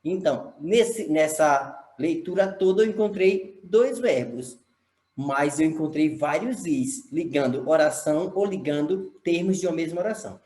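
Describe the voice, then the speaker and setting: A man's voice: fairly high pitch, expressive, measured pace, darkish tone. Brazilian male teacher explaining, echoey room. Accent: Brazilian Portuguese. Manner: explanatory, spells words out, checks understanding with "correto?". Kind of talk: recorded classroom lesson. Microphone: camera mic.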